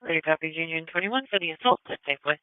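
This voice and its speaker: A man's voice: a little high, expressive, rapid-fire, clear, resonant tone, no room sound. A male police dispatcher giving clipped, formal calls over a police radio transmission. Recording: tinny, narrow radio band.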